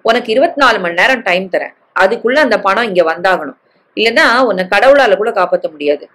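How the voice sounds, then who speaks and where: A woman reading aloud who voices a betrayed young wife, cutting and sharp, her voice rising. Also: medium pitch, animated, normal speed. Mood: cold fury.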